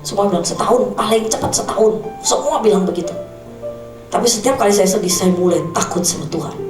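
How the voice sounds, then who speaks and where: A woman's voice: medium pitch, a little fast. A woman in her fifties, an evangelist preaching a sermon with a personal testimony, speaking colloquially and acting out the people she quotes. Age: 50s. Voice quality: slight cough. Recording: echoey hall from a distance, with music. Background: instrumental music.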